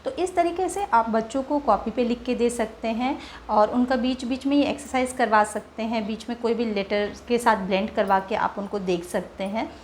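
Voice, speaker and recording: A woman's voice: fairly high pitch, moderate pace, hardly any pauses, slight background noise. A woman teaching a phonics lesson, patiently sounding out letters one by one and explaining to parents how to practise with children.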